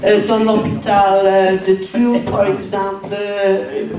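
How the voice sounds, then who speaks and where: An older retired woman with an English accent in French, a native English speaker, halting and searching for words as she speaks from the floor at a public meeting. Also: mid-range voice, flat delivery, crowd noise. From England. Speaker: audience member and former teacher. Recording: roomy, distant pickup with faint noise.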